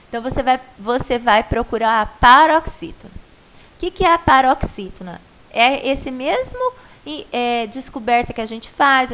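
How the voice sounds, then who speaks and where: A woman's voice: on the high side, fairly bright tone, poor audio. A Brazilian woman primary school teacher giving a patient, coaxing video lesson to a child, stretching out syllables to show stress.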